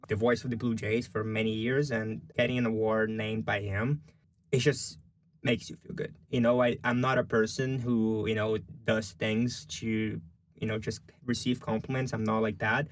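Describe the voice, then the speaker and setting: His pitch is fairly low with little movement, and he keeps a moderate pace. This young adult journalism student from Brazil, with a Brazilian Portuguese accent, answers interview questions casually and chattily, leaning heavily on fillers like "you know" and "like."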